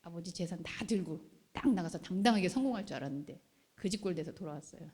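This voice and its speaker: A woman pastor preaching a sermon in a lively way, often putting questions to the congregation. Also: lowish voice, fast. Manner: animated, asks the congregation questions. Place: church hall. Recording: long hall reverb.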